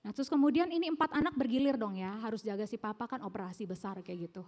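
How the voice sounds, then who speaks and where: A middle-aged woman preaching a sermon, telling her own story in an animated way and acting out the voices of people she quotes. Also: a little high, fast talker. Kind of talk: sermon with personal testimony. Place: large church hall. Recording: long church hall reverb.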